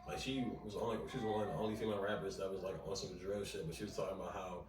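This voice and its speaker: A man in a quick, slangy casual chat, mostly agreeing and adding his own points. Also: low-pitched, steady tone. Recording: roomy sound, distant mic, clear background noise.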